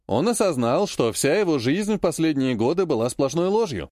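A man's voice: a little high, very animated, moderate pace, a little mellow, no echo, studio quality. A man reading a pushy, slightly drunk scheming man in an audiobook, insistent and mock-innocent. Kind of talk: audiobook character voice.

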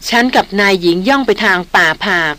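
A woman's voice: medium pitch, lively intonation, fairly quick, pushed and bright. A woman doing a curt veteran hunter. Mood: blunt. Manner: curt, terse. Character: gruff veteran male big-game hunter.

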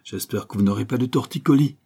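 A man's voice: medium pitch, quick pace, vocal fry, warm tone, slightly rough, pitched above the performer's own voice. A man reading an audiobook, voicing a jovial, brawny male editor calling out from above.

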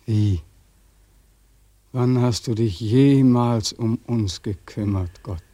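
An actor playing a bitter, disillusioned young war veteran in a radio drama, mocking and accusing, breaking into anguished outbursts. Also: male voice, mid-range voice, slow, mellow, no echo.

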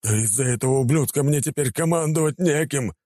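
A man's voice: medium pitch, a little fast, dark tone, dry recording, studio quality, pitched above the performer's own voice, close to an everyday voice. A man reading an audiobook, voicing a burly male soldier screaming in rage. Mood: furious. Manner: screaming, enraged.

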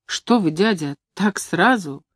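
A woman reading the part of a young female agronomist who is anxious and hesitant, and turns sharp when angered. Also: lowish voice, lively intonation, takes it slowly, husky, no echo, clean studio sound, heavily acted. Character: young woman agronomist, flustered but fiery.

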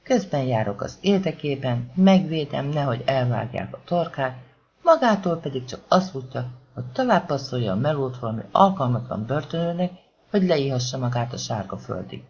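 A man voicing a menacing male gangster who talks quietly but commandingly, calm and furious at once, with swearing and threats. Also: mid-range voice. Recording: dull lo-fi audiobook recording.

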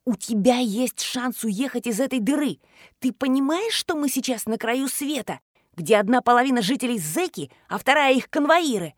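A woman's voice: on the high side, animated, normal speed, no room sound, clean studio sound, pitched above the performer's own voice. A woman voicing a fierce scornful teenage girl. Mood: indignant. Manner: hissing, shouting, sharply indignant. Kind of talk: audiobook character voice.

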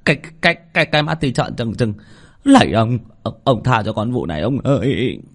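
A man's voice: mid-range voice, big pitch swings, slow pace, mellow, pitched above the performer's own voice. A man voicing a terrified young male servant who stammers and pleads in panic.

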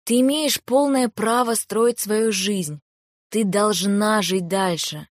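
A woman reading the part of a gentle older mother-in-law who speaks slowly and tenderly. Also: mid-range voice, no room sound, clean studio sound, close to an everyday voice. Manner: tender, slow and soothing.

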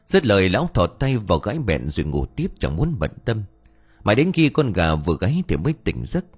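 Lively, husky male ghost-story narrator. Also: on the low side, a little fast, soft background music.

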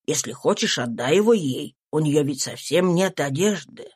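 A woman doing a gruff, hesitant older husband. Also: deep voice, expressive, normal speed, a little mellow, voice pushed down. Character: mild middle-aged male household head.

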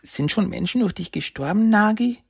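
A timid little boy with a high, pleading voice, as a male storyteller puts him on. The voice stays husky and gravelly underneath, with a creaky edge. It is a storybook figure, soft and anxious. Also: lively intonation, moderate pace, no echo, clean studio sound, heavily acted.

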